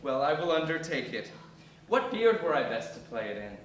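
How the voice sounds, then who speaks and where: A man's voice: on the high side, very animated, normal speed. A man playing an eager show-off amateur actor, grandiose and hammy, in a Shakespeare stage comedy. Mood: eager, pompous. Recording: echoey hall, distant mic, faint noise.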